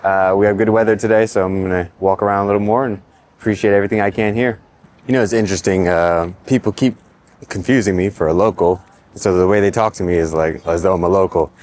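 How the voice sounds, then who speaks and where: A man's voice: low voice, steady tone, fast talker, a little mellow. A man from the United States, a travel vlogger, chatting casually with lots of fillers while walking around a windy harbour. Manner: chatty, thinks aloud with fillers. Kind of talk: casual vlog narration. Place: outdoors on a windy harbour pier.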